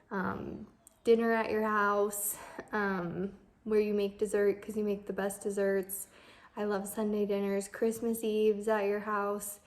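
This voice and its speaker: A young woman speaks in a fairly level, even tone, circling her thoughts with lots of fillers. Her message is heartfelt and casual. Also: mid-range voice. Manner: heartfelt, rambling with many fillers. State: emotional, close to tears. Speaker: granddaughter. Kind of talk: birthday video message.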